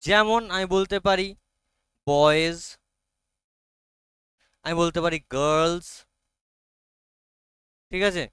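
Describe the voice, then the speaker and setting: A male teacher with a Bengali accent explains grammar to a classroom, pausing often to ask whether everyone has understood. His voice sits high and rings clear and smooth. The sound is close and dry, with no room echo. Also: fairly bright tone. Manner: frequent check-ins with students.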